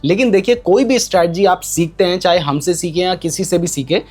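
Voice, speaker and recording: A man's voice: high-pitched, fairly quick, faint music behind. A man explaining a trading strategy in a chart tutorial, pointing things out on screen and mixing English terms into his speech. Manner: mixes English terms into Hindi. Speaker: trading educator.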